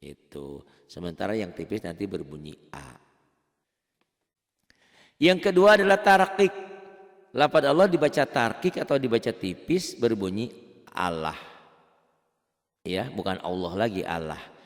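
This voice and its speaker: A man gives a casual beginners' lesson in Quran recitation. His lowish voice swings widely in pitch as he chants slow, drawn-out examples. A long reverb trails after his words. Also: sing-song. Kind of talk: online tajwid lesson for beginners.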